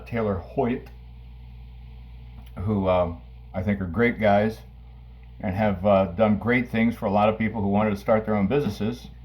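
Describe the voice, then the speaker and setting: A man talking playfully to camera in his kitchen, theatrical, swinging from booming outbursts to low asides while he cuts an onion. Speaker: vlogger. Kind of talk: casual talk to camera. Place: home kitchen.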